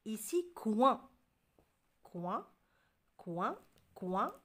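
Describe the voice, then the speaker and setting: A woman with an Algerian accent tutoring a child at home, patiently repeating and spelling out words slowly. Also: mid-range voice, very animated, fairly bright tone. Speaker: tutor reviewing a French textbook with a child. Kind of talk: home tutoring, French and Arabic mixed.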